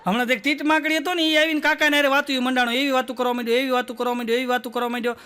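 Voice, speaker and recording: Man, stand-up comedian, bright sharp tone, voiced dialogue, audience laughter. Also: extremely high pitch, flat delivery, clear, resonant tone. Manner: storytelling with quick voiced dialogue, "બોલો" tags. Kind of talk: stand-up joke telling.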